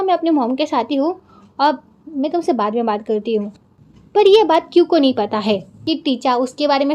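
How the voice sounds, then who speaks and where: A woman's voice: high voice, warm tone. A woman narrating a drama recap in a chatty storytelling way, retelling each line of dialogue and adding her own asides to viewers.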